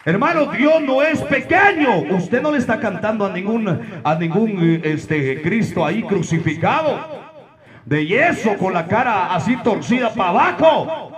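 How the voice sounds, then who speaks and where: Male preacher, high and animated, emphatic shouting delivery, live church with the congregation audible. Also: measured pace, crowd noise. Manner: emphatic, preaching with rhetorical questions and sudden shouts. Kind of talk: sermon.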